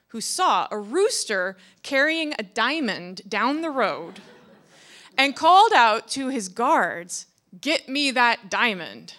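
Animated woman telling a children's story. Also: a little high. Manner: animated, inviting listeners to join in. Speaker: storyteller at a congregation.

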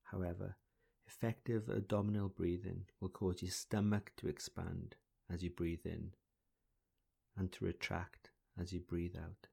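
A man leading a guided breathing exercise in a slow, soothing, deliberate voice, counting breaths. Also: deep voice, level tone, creaky, a little mellow, slightly rough. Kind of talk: calm guided relaxation exercise.

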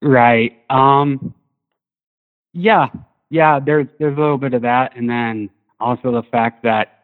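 A man's voice: mid-range voice, fairly even intonation, slow pace. Man calling in over a tinny phone. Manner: laid-back, hesitant, with fillers and swearing. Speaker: caller. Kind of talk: casual chat.

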